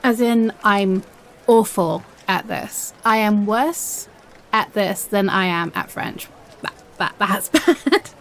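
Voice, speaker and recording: A woman playing a shy, nervous young woman in an audio role-play, speaking haltingly and putting herself down as she confesses a crush. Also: medium pitch, lively intonation, fairly bright tone. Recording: faint background noise.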